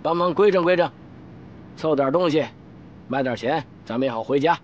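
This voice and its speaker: A man's voice: a little high, moderate pace, muffled recording, slight background noise, lightly acted. An actor playing a brusque squad captain giving orders to his men. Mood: commanding. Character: commanding tax squad captain, gruff man. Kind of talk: TV drama acting.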